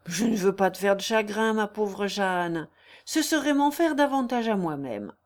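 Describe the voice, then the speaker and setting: A woman's voice: medium pitch, animated, moderate pace, close to an everyday voice. A woman voicing an earnest young male lawyer who pleads tenderly and solemnly in a read-aloud novel. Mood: earnest, pleading.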